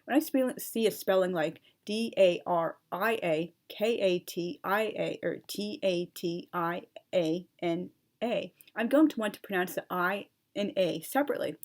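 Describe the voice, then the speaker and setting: A young adult woman with a fairly low voice explains language at length as a channel host, speaking unhurriedly. Earnest and precise, she spells words out letter by letter while adding chatty asides and fillers. It's a talking-head explainer, partly read from notes.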